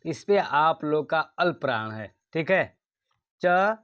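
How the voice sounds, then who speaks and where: A man's voice: on the high side, lively intonation, measured pace, muffled recording. A young man teaching an exam revision lesson, repeating his own questions and answering them, calling his students brother. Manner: chatty, calls students brother.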